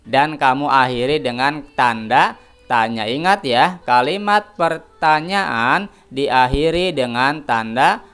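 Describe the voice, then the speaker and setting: A man's voice: mid-range voice, slow, fairly bright tone, clean tone. A man teaching a recorded lesson to primary school pupils. He asks the class questions, answers them himself and keeps calling the pupils his children.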